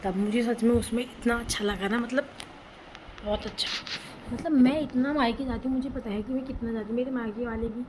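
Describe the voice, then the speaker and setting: A woman's voice: a little high, brisk. A young woman vlogger telling a personal story in a chatty, rambling, emotional way. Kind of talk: casual storytelling vlog. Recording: background noise.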